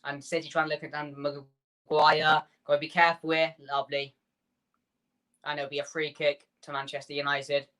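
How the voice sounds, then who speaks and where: A man's voice: on the high side, level tone, pushed and bright. Man calling a live match watchalong. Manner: rapid player-by-player calls, chatty asides to viewers. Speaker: fan watchalong host. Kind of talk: live play-by-play fan commentary.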